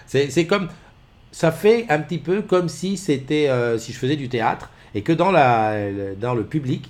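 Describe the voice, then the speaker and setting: A middle-aged man hosting a casual morning live stream from home, rambling with many fillers and greeting viewers by name at a desk mic. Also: mid-range voice. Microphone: desk mic with webcams.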